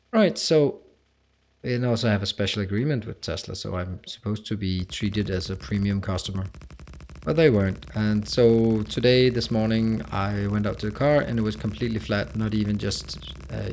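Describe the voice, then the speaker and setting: A Danish man with a lowish, steady, slightly mellow voice chats casually at a moderate pace on a game livestream, answering chat as he plays. There's slight background noise behind this streamer.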